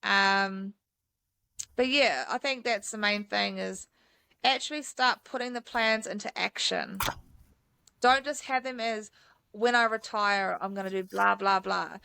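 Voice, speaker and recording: Bright, chatty New woman. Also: medium pitch, a little slow, vocal fry, smooth, dry recording. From New Zealand. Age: 30s. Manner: enthusiastic, chatty, many fillers. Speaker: mountain guide, podcast guest. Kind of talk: casual interview chat.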